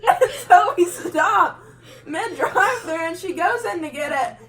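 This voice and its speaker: A woman's voice: very high-pitched, animated, a little slow, a bit bright, distant mic. A young woman casually telling a funny family story, giggling as she talks. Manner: giggly, laughing through her story. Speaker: vlogger's sister.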